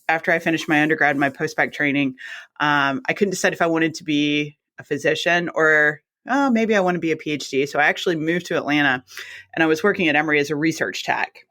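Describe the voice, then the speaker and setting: A woman's voice: low voice, fairly bright tone. A woman in her forties from South Mississippi, a guest telling her story in a casual interview. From South Mississippi, USA. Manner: chatty storytelling, quotes herself and others. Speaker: guest, anesthesiologist assistant.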